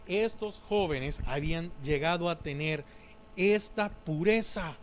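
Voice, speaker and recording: A man preaching a sermon in church, halting, with frequent fillers and restarts. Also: on the high side, slight background noise, poor audio. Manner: slow, halting delivery with many fillers and restarts.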